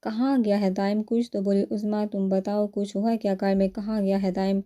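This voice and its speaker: Worried young guy firing anxious questions , woman reading, dark mellow tone. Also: mid-range voice, flat delivery, lightly acted. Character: carefree young man, worried brother.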